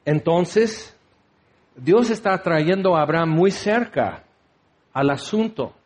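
A man's voice: on the high side, expressive, slow. A man preaching a sermon, teaching with rhetorical questions and acting out the voices he quotes.

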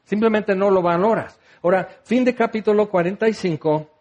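A male preacher with a notably high voice delivers an impassioned sermon. He keeps turning to his listeners with direct questions and slips into the voices of biblical figures as he retells their words. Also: fairly quick, darkish tone, muffled recording.

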